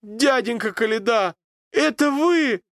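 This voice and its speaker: A man voicing a young boy lost on a riverbank, calling out high and drawn out. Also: animated, slow, a bit bright, no echo, studio quality, full character voice. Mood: desperate shouting.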